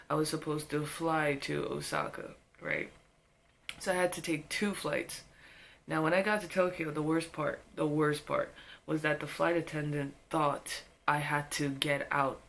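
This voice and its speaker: A woman vlogger telling a personal story in a casual, animated way, full of filler words. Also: low voice, moderate pace, creaky.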